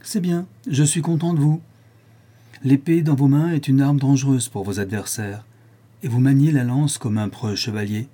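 A man's voice: medium pitch, moderate pace, dark tone, voice pushed up, lightly acted. A man voicing a proud, domineering count of seventy-three who speaks in a solemn, dry and harsh tone. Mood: approving.

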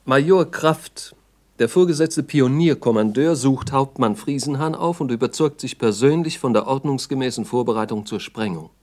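A male narrator with a medium-pitched, slightly mellow voice reads a scripted, documentary-style radio drama at normal speed. His delivery is sober and factual, like a 1960s official report.

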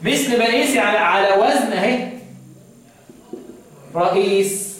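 Male recitation teacher, Egyptian accent, high voice, quizzing students, heard from afar in an echoey room. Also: a bit bright. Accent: Egyptian Arabic. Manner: quizzes students often, recites verses slowly. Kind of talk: classroom lesson with questions to students. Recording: very echoey room, mic far off.

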